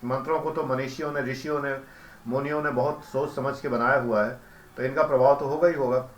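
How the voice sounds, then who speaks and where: A man giving a calm, explanatory devotional lecture as a spiritual teacher, who chants mantras slowly. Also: mid-range voice, reverberant, a little hiss or hum.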